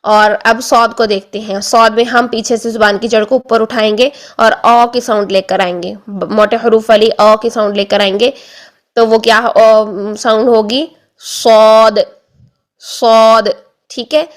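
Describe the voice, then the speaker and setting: Female tajweed teacher, young adult, slightly high voice, patient, drills sounds slowly and repeats them. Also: steady tone. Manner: checks in often with "theek hai". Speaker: Quran recitation teacher. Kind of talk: tajweed pronunciation lesson.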